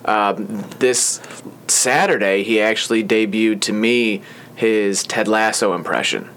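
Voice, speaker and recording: A man's voice: fairly low pitch, slow pace, fairly bright tone, slight background noise. A young man hosting a podcast in a small studio, chatting casually and rambling with lots of fillers. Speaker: podcast host. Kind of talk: casual chat.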